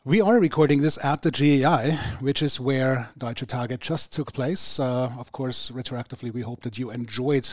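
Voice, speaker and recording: A man's voice: medium pitch, normal speed, few pauses, darkish tone, no room sound. A man hosting a podcast interview, chatty and rambling, often correcting himself mid-sentence. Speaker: podcast host.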